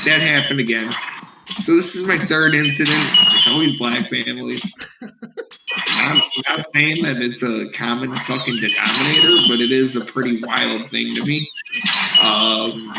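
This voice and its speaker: A young man rambles through a story, cursing freely in a casual streamer chat. His mid-pitched voice sounds set back from the mic in a roomy space. Loud noise sits under everything he says. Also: gravelly. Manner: profane, rambling anecdote-telling. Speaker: streamer chatting while gaming. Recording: roomy, distant, heavy background noise.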